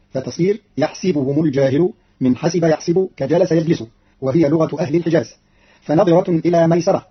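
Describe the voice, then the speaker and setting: Brisk man, husky voice, formal scripted explanation, lo-fi old radio recording. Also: a little high. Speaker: radio announcer. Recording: dull lo-fi archival radio recording.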